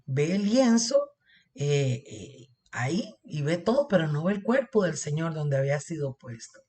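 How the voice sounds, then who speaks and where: A woman's voice: deep voice, very animated, a little slow, dark tone. A woman with a Costa Rican accent teaching a Bible class, reading verses aloud and explaining them while calling her listeners beloved. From Costa Rica.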